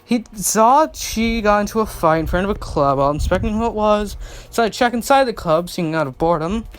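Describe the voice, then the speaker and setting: A man's voice: high voice, animated, brisk, voice pushed up. Angel Dust, a man doing a rambling spider demon.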